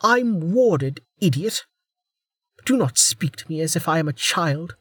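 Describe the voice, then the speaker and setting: A man's voice: sits high, slow, slightly rough, dry recording, pitched above the performer's own voice, heavily acted. A man voicing Velika, a furious masked swordswoman. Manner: snappish and menacing. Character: fierce masked woman fugitive, cold and threatening.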